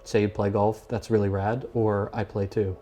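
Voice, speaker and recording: A man hosting a casual podcast conversation, laid-back and affirming, with halting, searching phrasing. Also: lowish voice, little pitch movement, dark tone, soft background music. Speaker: podcast host.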